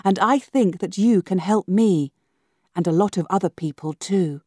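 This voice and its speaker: A woman voicing an earnest young woman in a storybook reading, pitched higher and pleading. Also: moderate pace, dark tone, dry recording, studio quality, close to an everyday voice. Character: lively mysterious young woman, warm and urgent.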